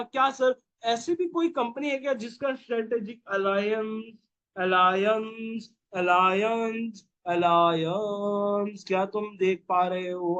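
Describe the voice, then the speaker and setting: A man's voice: extremely high pitch, a bit bright, dull audio. A young man teaching a revision lecture, playful and jokey, who keeps quizzing his listeners with "yes or no?".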